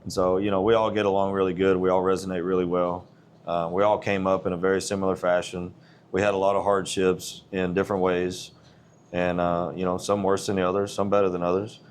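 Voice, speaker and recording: A man's voice: low-pitched, little pitch movement, brisk, slight background noise. A man in his forties, a gym owner, talking in a blunt, earnest, plain-spoken way in a casual interview. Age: 40s.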